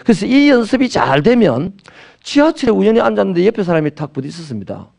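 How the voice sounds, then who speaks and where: A middle-aged man with a Gyeongsang accent, a pastor preaching a sermon in a lively, humorous way and acting out little dialogues. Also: high voice, quick pace, creaky. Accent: Gyeongsang Korean.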